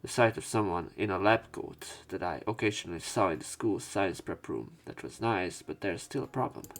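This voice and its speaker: Reading a visual novel aloud for a let's play, a man acts out the dialogue with expression in dramatic narration. He has a deep voice and keeps a moderate pace.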